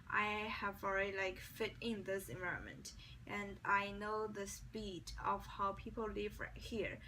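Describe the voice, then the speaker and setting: A young Chinese woman speaking English as a non-native speaker, with a Chinese accent, answers mock job interview questions, restarting often and using many fillers. Her voice is medium-pitched and sharp, and the distant mic picks up faint background noise.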